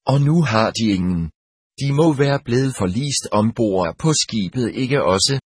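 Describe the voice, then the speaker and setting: A man reading the part of a breezy young male government clerk who talks down in a chatty, condescending way, with a husky voice. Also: mid-range voice, expressive, no room sound, studio quality.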